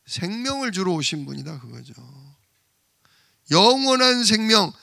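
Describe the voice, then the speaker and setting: Bright high-voiced Korean pastor preaching. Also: male voice, no room sound, studio quality. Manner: animated storytelling, acts out parable voices, asks the congregation questions. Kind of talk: sermon.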